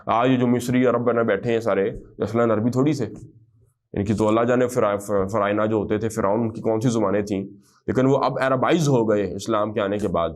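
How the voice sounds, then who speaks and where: A man teaching Arabic grammar in class. He explains at length, speaks Arabic phrases slowly, and often checks whether the class follows. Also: fairly low pitch, steady tone. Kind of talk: classroom lesson.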